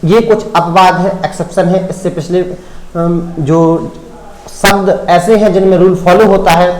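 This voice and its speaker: A man teaching an English grammar lesson, spelling words out letter by letter and often checking whether the point is clear. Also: sits high, fairly even intonation, measured pace, darkish tone, echoey room, poor audio.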